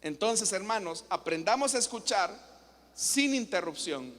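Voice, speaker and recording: A man's voice: high voice, animated, unhurried, a bit bright. A man preaching as pastor, teaching and asking his congregation questions. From El Salvador. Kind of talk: sermon. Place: church hall. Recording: long church reverb.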